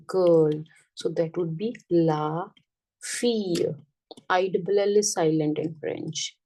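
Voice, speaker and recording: A woman teaching a French lesson, repeating each word slowly and often checking that the class understands. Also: lowish voice, warm tone, recorded from a distance, rough recording. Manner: patient, checks understanding with "got it?".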